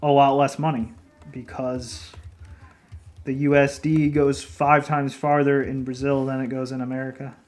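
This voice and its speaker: Over soft background music, a man with a medium-pitched, level and slightly mellow voice talks at a measured pace. He's an indie game developer and foreigner in Japan whose Japanese has a non-native accent, chatting loosely on stream, answering chat, laughing frequently and cursing casually.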